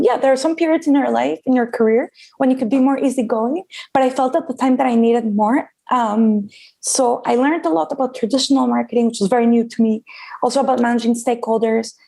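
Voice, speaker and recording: Woman guest from Costa Rica, 30s, mellow and gravelly, chatty with lots of ums. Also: on the high side. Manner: chatty, frequent ums, laughs easily. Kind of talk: casual interview.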